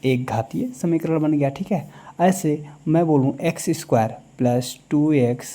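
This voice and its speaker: A man with a very dark, mellow voice teaches a maths lecture. He sits a little high in pitch for a man and keeps pausing to quiz his class with short check questions.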